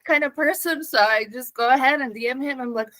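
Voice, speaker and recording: A woman in her thirties with a Serbian accent, a guest telling her story in a casual interview, lively, laughing often and pausing on fillers. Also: high voice, no room sound, rough recording.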